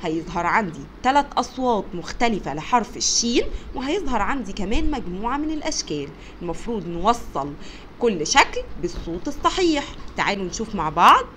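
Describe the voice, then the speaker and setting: A woman's voice: medium pitch, very animated, slight background noise. Encouraging Egyptian woman teaching children. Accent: Egyptian Arabic. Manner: encouraging, stretches sounds slowly and loudly for children. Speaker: kindergarten teacher. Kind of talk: teaching letters to young children.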